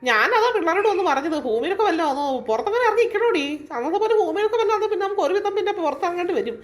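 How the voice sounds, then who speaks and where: A worried old grandmother from a cartoon scolds and frets in quick, animated bursts. Her voice sits very high and swoops widely, and she talks at a racing pace. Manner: rapid, animated scolding and fretting. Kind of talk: cartoon voice acting.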